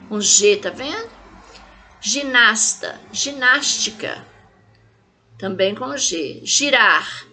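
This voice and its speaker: A woman from Brazil teaches a recorded lesson to young pupils, her voice pitched a little high and bright and forward. She keeps checking in with the children and stretches example words out slowly so they can follow.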